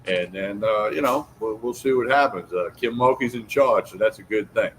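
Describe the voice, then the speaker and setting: A man's voice: fairly low pitch, moderate pace, fairly bright tone, a little hiss or hum, rough recording. A man co-hosting a casual sports talk show, folksy and opinionated, talking with many fillers.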